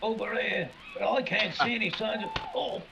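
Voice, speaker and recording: Man as a blunt radio-play inspector, gravelly, fairly high, colloquial, muffled noisy recording. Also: moderate pace. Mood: uneasy. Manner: blunt, colloquial working-class speech. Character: gruff, determined male police inspector. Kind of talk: 1940s radio mystery acting. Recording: dull, clearly noisy live recording.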